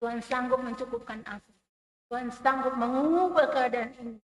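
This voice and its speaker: Middle-aged woman, high-pitched, emotional church testimony. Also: normal speed, poor audio. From Indonesia. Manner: emotional, emphatic, rising and falling loudness. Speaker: church member giving testimony. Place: church sanctuary.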